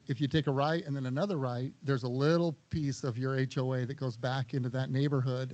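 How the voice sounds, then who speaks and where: At a town hall meeting, a man who serves as an HOA operations director gives spoken directions methodically, correcting himself as he goes. He is losing his voice and keeps clearing his throat, and his mid-range, darkish voice comes through on dull audio.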